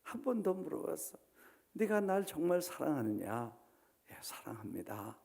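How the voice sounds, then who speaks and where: Gravelly, animated male pastor preaching. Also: high voice, moderate pace. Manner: dramatic, acts out biblical quotes with swings from loud to hushed; mixes English words into Korean. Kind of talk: sermon. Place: church sanctuary.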